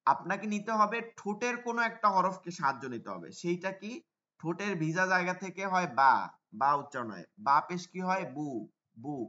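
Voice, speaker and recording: Male Quran tutor, slow repetitive drilling, slightly high voice, muffled lo-fi online audio. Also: pushed and bright. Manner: repetitive drilling, spelling sounds out slowly. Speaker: Quran teacher. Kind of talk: online recitation lesson. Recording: dull lo-fi sound.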